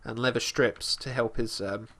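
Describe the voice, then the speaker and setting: A man casually commenting on his gameplay as host, talking about his character in third person with halting restarts and fillers. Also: medium pitch, steady tone, a bit bright. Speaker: let's play host.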